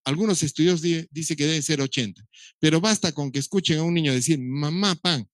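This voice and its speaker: A man's voice: fairly high pitch, fast, no room sound. A middle-aged man, giving a recorded lecture on how children learn to speak, explaining step by step with touches of dry humor. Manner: explanatory, imitates baby sounds, dry humor. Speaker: doctor lecturing on child development.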